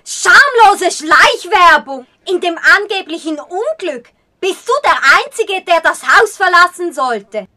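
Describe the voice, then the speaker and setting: A woman playing a proud, sharp-tongued blind painter, snapping back with quick, scornful retorts in acted short-film dialogue. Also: sits high, expressive, heavily acted.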